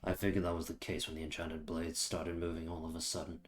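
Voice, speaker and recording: A man reading manga aloud and voicing a calm, long-imprisoned swordsman in a low, measured, matter-of-fact way. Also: slight background noise, lightly acted.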